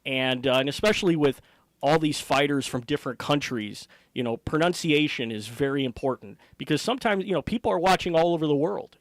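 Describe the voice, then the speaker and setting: A man's voice: a little high, no room sound. A middle-aged man with an American accent, a ring announcer answering interview questions conversationally.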